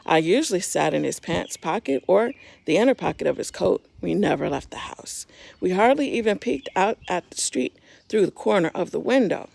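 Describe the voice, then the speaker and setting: A woman reads a children's story aloud in a fairly low, creaky voice at normal speed. Her storytime delivery is expressive and simple, speaking directly to young listeners.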